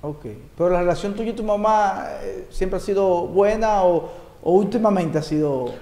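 A middle-aged man hosting a studio interview, animated and emphatic. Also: sits high, moderate pace. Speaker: host. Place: podcast studio. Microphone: desk mic on boom arm. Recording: roomy studio sound.

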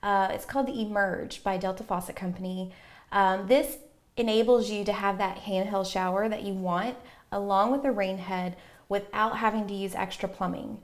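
A woman's voice: mid-range voice, fairly even intonation, normal speed. A woman in her forties, a plumbing supply rep, explaining products confidently in a TV interview with many ums and uhs, recorded on a lapel mic in a bathroom. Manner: confident, explanatory, with frequent fillers. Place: inside a home bathroom.

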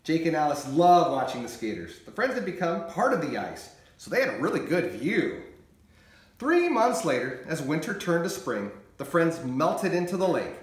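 A man reading his children's book aloud in an expressive, animated storytelling manner. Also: fairly high pitch, normal speed, reverberant.

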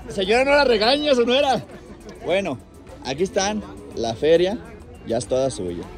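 Filmed on a handheld phone beside a car in a packed outdoor plaza, this clip features a young Mexican-accented man running a street challenge amid loud crowd noise and music. He speaks at normal speed in a high voice with big pitch swings, teasing and egging people on in slangy, casual language.

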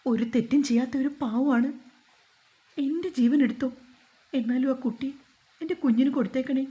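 A woman's voice: high-pitched, normal speed, warm tone, muffled recording, pitched above the performer's own voice, natural voice. Woman voicing a tearful pious grandmother. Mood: tearful, pleading. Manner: wailing, praying, pleading.

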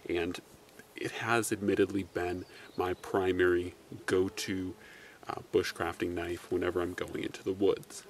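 Man, low voice, gravelly, relaxed rambling product review, faint background hiss. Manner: relaxed, talks in loose run-on phrases. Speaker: knife reviewer.

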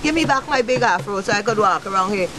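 Fast and lively in intonation, a woman in her fifties from Guyana gives impassioned interview talk under a thatched shelter outdoors, hurling rhetorical questions with wide pitch swings into the interviewer's handheld mic. The low-quality recording picks up wind, outdoor noise and a crowd in the background.

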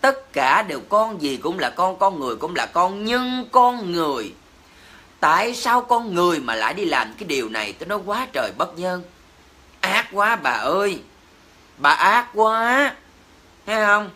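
In a high-pitched, sing-song and sharp voice, a bit fast, the Southern Vietnamese-accented man lets loose on livestream viewers. His indignant rant is peppered with curses and exclamations.

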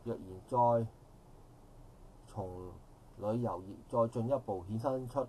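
At an outdoor park forum, an audience member, a middle-aged man with a Hong Kong Cantonese accent, gives a long comment that rambles, sounds formal, and is full of self-corrections. His mid-range voice is warm and slow. A little hiss or hum is audible.

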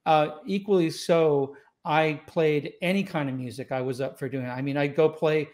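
A Scottish-born, Los Angeles-raised man in his sixties, a saxophonist guest, speaks at normal speed in a slightly high, darkish voice with fairly even intonation. His easygoing, reflective storytelling includes many fillers and restarts during a relaxed interview. He's on a video call using a studio mic on a boom arm, in a home room with wooden doors and shelves.

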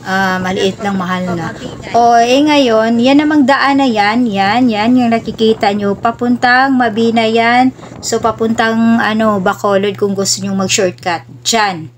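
A woman's voice: a little high, unhurried. A woman with a Visayan accent who speaks Cebuano natively, narrating a casual travel vlog while riding on the back of a motorbike outdoors. She rambles in a chatty way and mixes in road-safety advice. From Visayas, Philippines. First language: Cebuano (Bisaya). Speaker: vlogger.

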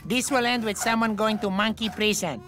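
A woman's voice: mid-range voice, moderate pace, fairly bright tone, soft background music, lightly acted. A woman voicing a long-suffering ship computer. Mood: exasperated. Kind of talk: cartoon voice acting.

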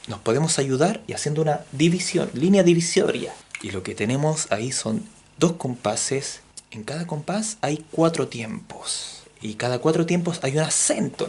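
A Chilean man teaching music theory in a playful video lesson, joking as he goes and counting beats out loud. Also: fairly high pitch, slightly rough. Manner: jokey, animated, counts beats aloud.

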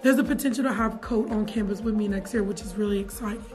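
A young woman, a teacher chatting casually to camera in her classroom, animated and full of fillers. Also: mid-range voice, fast, music in the background. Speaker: middle school science teacher. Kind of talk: casual vlog chat. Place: classroom, indoors.

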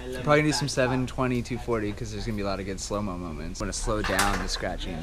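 A man in a warehouse giving deadpan, mock-instructional tips while the crew sets up. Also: fairly low pitch, very fast, a crowd in the background. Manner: deadpan tutorial tone. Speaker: crew member. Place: large indoor warehouse.

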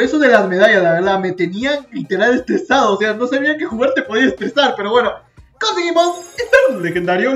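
A man's voice: high voice, fairly bright tone, roomy sound. A man giving casual gameplay commentary, playfully dramatic, pleading and joking as he talks. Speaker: gaming YouTuber.

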